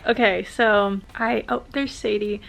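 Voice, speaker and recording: A woman's voice: medium pitch, steady tone, unhurried, creaky, a bit bright, a little hiss or hum. A young woman chatting casually to her vlog, groggy and rambling, her mouth sore and swollen after oral surgery. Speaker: vlogger.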